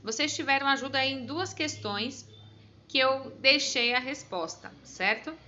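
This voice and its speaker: A woman's voice: high-pitched, a little slow, sharp tone, highs cut off, slight background noise. A woman with a Brazilian Portuguese accent, a teacher patiently walking her pupils through a test with encouraging, chatty asides.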